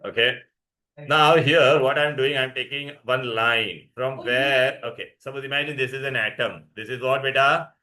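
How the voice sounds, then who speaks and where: Bright-voiced Indian man teaching a class. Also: mid-range voice, steady tone, normal speed. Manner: repetitive, checks understanding, addresses students directly. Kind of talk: classroom lesson with rhetorical questions.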